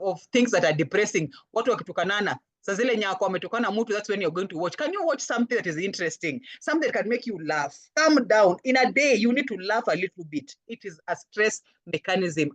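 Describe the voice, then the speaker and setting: Woman, Kenyan accent, counselor's talk, animated, playful quoted voices, dry sound. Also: mid-range voice, no echo. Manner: animated, acts out little voices when quoting people. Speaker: guest speaker, counselor. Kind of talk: lecture-style talk.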